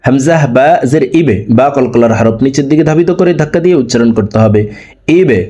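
A man's voice: medium pitch, mellow. A man teaching Quran reading with a Bangladeshi Bengali accent. He spells out each letter and vowel sign, then chants the joined words. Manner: rapid plain explanations between drawn-out chanted phrases. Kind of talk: slow spelling-out recitation lesson.

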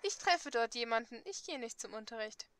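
A woman playing a flustered, nervous schoolgirl heroine in a dating game, defensive and shy. The voice is high, with a bright tone. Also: animated, a little fast, dry recording.

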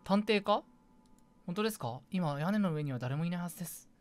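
A woman's voice: fairly low pitch, expressive, a little fast, faint music behind. A woman giving casual commentary while playing a horror game.

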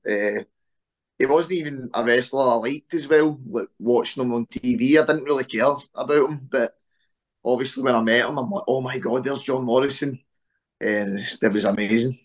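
Man, early 20s, Scottish accent, interview guest, relaxed, mid-pitched voice, webcam mic. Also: moderate pace. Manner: relaxed, many "eh" fillers. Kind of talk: casual interview chat. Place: small room at home on a video call.

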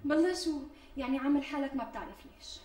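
Actress voicing a greedy young Damascene wife, guilt-tripping, very fast, mic far off. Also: female voice, high voice, darkish tone, close to an everyday voice. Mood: coaxing. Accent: Damascene Syrian. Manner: wheedling, guilt-tripping, indignant bursts. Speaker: scheming bride-to-be. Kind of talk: TV sitcom acting. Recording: distant mic with faint music.

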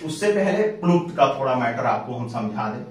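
A man's voice: mid-range voice, sing-song, fairly quick, a little hiss or hum. A male teacher, giving an exam-prep lesson and repeating questions he then answers. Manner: repetitive, asks and answers own questions. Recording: very echoey room, distant from mic.

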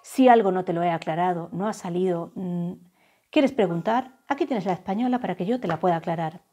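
A woman from giving a tarot reading to her viewers, saying the messages she channels slowly and softly. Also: fairly low pitch. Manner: slow, soft, drawn-out channeled phrases. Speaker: tarot reader. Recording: faint background music.

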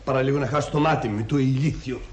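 An actor playing a grumpy village husband who rants sarcastically and yells insults. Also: male voice, medium pitch, steady tone, background noise, close to an everyday voice. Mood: grumbling. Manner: ranting, sarcastic, yelling insults.

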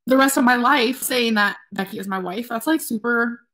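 A woman's voice: on the high side, normal speed, fairly bright tone. A woman talking casually on a livestream, rambling and leaning on the word "like". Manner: rambling, heavy use of filler "like".

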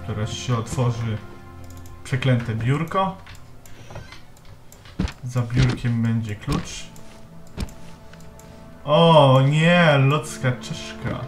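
A man commenting on a horror game as he plays, swearing, talking to himself and to objects, and shouting in panic when scared. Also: mid-range voice, drawn-out words, long pauses, reverberant, over music. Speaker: let's play gamer. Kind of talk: let's play commentary.

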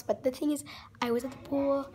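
A woman's voice: high voice, fairly even intonation, a little fast. A young woman chatting casually and informally to a handheld camera, rambling a little. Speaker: vlogger. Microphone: handheld camera at arm's length. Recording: noisy handheld home-video sound.

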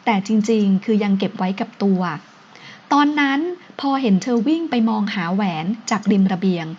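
A woman reading an audio novel in a gentle, measured storytelling way, in a dull lo-fi recording. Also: medium pitch, animated. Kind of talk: scripted narration.

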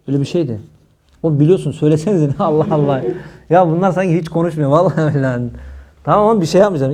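High-voiced, warm-toned preacher. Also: male voice. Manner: humorous, teasing the audience between teachings. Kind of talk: religious talk to a live audience.

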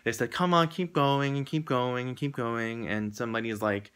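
A young man telling a story casually to his viewers, rambling and acting out what people said, his pitch jumping up high when he gets excited. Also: normal speed, clean tone. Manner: animated, rambling, acts out quotes with jumps in pitch. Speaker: vlogger.

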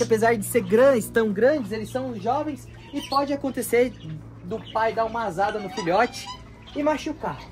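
A man hosting a casual vlog as he tours his bird enclosures outdoors, chatting to viewers and cooing at the birds in baby talk. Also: very high-pitched. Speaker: bird keeper and vlog host.

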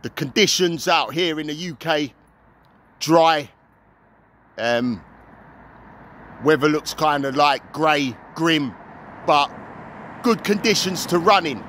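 A middle-aged man talking casually to camera in halting, repeated short phrases, recorded at arm's length outdoors. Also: a little high, a bit bright. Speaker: running vlogger. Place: outdoors on a suburban pavement by a road. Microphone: phone or camera at arm's length. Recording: outdoor street with passing car noise. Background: faint traffic and street ambience.

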